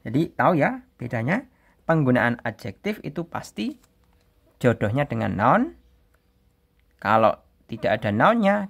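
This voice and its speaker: Slow, gravelly-voiced male English teacher. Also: mid-range voice. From Indonesia. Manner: explains step by step, reads example sentences slowly aloud. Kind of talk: classroom grammar explanation.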